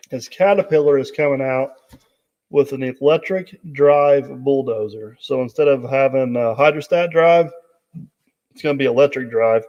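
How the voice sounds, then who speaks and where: A man hosting a casual live stream, rambling with many fillers and reading out viewer comments. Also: mid-range voice. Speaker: host. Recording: dull audio with long reverb.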